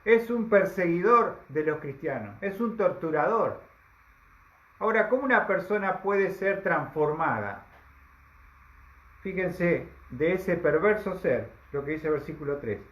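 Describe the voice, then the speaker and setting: Emphatic high-voiced preacher in an echoey hall. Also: male voice, animated. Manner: emphatic, with dramatic slowdowns and rhetorical questions. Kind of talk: sermon. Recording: echoey, dull lo-fi sound.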